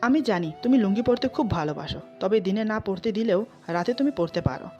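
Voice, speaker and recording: A woman reading the lines of a young wife who scolds and teases her husband, in a storybook reading over soft music on a slightly dull recording. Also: mid-range voice, expressive, fairly quick, close to an everyday voice. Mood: coaxing.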